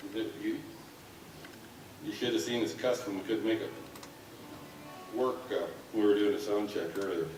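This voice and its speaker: A man's voice: fairly low pitch, normal speed, long pauses, a little mellow, faint music behind. Guy chatting casually on stage, super echoey, off the mic. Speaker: performer and regular host. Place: live on stage at a gathering. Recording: very echoey hall, distant microphone.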